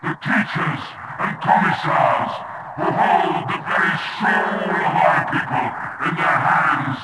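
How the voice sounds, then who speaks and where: A ruthless video game dictator addresses his nation in a slightly high voice, dragging out every phrase with long pauses. The speech rings through a huge echoing hall from far off the mic, with a clear hum of ambience behind it. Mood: commanding. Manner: slow, grandiose oratory with long pauses. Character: ruthless male autocrat addressing his people.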